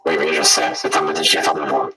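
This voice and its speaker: A man playing a secretive masked former guard, speaking hesitantly through a voice changer that deepens his voice. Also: flat delivery, fast talker, bright, forceful tone, faint music behind. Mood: cagey. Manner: hesitant, evasive, stammering.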